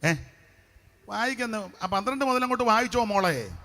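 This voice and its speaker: A middle-aged man preaching a revival crusade sermon as pastor, fiery and shouting praise between chatty asides. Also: sits high, lively intonation, moderate pace.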